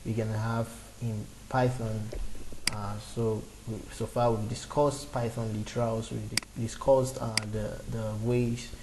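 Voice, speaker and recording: Here a programming tutor in his twenties talks unhurriedly in a level, medium-pitched voice, improvising a beginner coding lesson over a screen recording. He stumbles through steps with fillers and restarts, and there's noise in the background.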